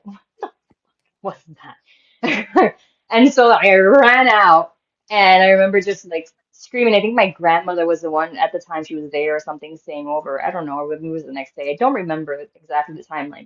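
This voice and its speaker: Animated woman telling a story, lo-fi audio. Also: fairly low pitch. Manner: animated, acts out quotes with laughs and many "like" fillers. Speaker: guest medium and healer. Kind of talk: casual storytelling in an interview.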